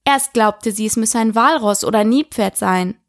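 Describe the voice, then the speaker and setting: Lady reading a fairy tale aloud, calm and even, kinda high voice, dry sound. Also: normal speed, dry recording. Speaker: audiobook narrator. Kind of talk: scripted storybook narration.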